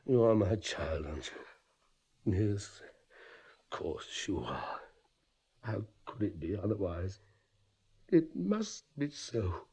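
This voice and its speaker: An actor playing an anguished middle-aged cavalry captain, tormented and suspicious, in a 1950s radio drama with impassioned, bitter delivery. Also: male voice, on the low side, mellow. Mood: tender, brooding.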